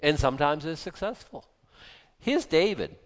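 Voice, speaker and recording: A man's voice: fairly high pitch, very animated, normal speed. A man in his fifties giving a casual, rambling sermon, self-deprecating and joking, now and then acting out angry outbursts. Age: 50s. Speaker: preacher. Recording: long hall reverb.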